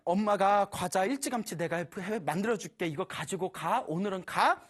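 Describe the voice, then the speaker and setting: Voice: mid-range voice, normal speed, lightly acted. A preacher doing a doting, insistent old mother. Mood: coaxing. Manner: coaxing, insistent. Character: doting elderly mother pressing food on her daughter.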